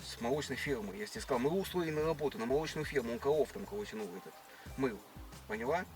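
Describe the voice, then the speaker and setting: A man's voice: medium pitch, lively intonation, racing, a little mellow, soft background music, lightly acted. A man putting on a brash, cheeky village hustler in an improvised prank chat, rambling in slang with a slushy lisp that turns s into sh. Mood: earnest storytelling. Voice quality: lisping, slushy sh for s. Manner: rambling, slangy, cheeky country-bumpkin talk. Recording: faint background noise.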